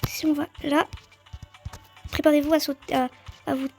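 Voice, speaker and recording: A woman giving chatty, excitable let's-play commentary on a game, talking straight to her viewers. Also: high voice, normal speed, vocal fry, soft background music. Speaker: gaming video creator.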